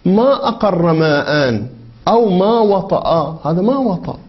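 A man's voice: high-pitched, animated. Man teaching by asking and answering his own questions. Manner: asks leading questions and answers them; reads quoted text slowly and deliberately. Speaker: religious jurisprudence teacher. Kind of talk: seminary lecture explaining a legal text. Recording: dull lo-fi lecture recording.

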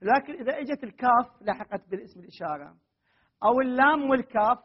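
A man with a very high, husky voice teaches a grammar class. He reads from the text, keeps quizzing the students and corrects them firmly. The recording is dull and muffled. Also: animated, fast. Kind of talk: classroom lesson on Arabic grammar.

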